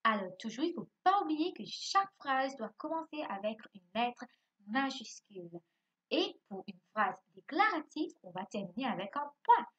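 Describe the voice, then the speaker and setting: Her voice is high-pitched and fairly bright with a breathy edge and big pitch swings, at normal speed. This primary school teacher leads a recorded remote class for young children, posing questions she answers herself and spelling words letter by letter, captured in a dull lo-fi recording.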